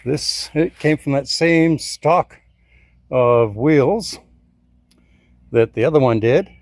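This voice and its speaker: A man's voice: mid-range voice, takes it slowly, dry recording. Regular guy rambling about his garage stuff, dry close mic, cracks bad puns. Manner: chatty, self-mocking about puns. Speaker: garage vlog host. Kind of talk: casual workshop walkthrough.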